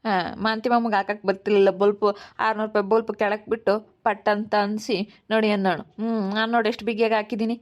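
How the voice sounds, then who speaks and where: A woman's voice: medium pitch, level tone, fast talker, natural voice. A woman voicing a fallen man who whines that he cannot get up, with a Hiriyur Kannada accent. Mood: whining. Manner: whiny, pleading, sly teasing. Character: Sundara, a fallen man playing helpless.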